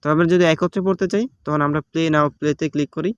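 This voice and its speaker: A man's voice: fairly high pitch, steady tone, quick pace, clear, resonant tone, dry recording, muffled recording. A man with a Bangladeshi Bengali accent giving a casual step-by-step app tutorial, patient and repetitive, with many fillers. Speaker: tutorial host. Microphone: phone recording.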